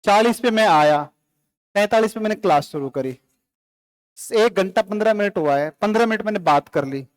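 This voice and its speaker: Male teacher, live classroom lecture, high voice, quick quizzing and banter. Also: animated. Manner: quizzing students with quick questions and answers; casual, joking with the class.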